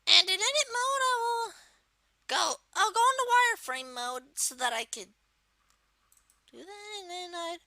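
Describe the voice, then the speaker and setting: A person voicing a bratty male cartoon Koopa creature, giving a casual, unscripted software tutorial in a halting, self-correcting way. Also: very high-pitched, expressive, no echo, studio quality, exaggerated voice. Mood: explaining, halting. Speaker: tutorial host.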